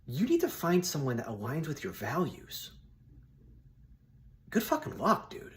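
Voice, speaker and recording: A slightly high voice with wildly swooping pitch comes from a man in his thirties hosting his own opinion video. He goes at a measured pace, chatting bluntly and casually with buddy-like phrasing.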